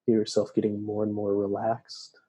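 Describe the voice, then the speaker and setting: A man guiding a breathing meditation, giving slow, soft, soothing instructions. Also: fairly low pitch, monotone, breathy edge, dull audio. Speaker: meditation guide.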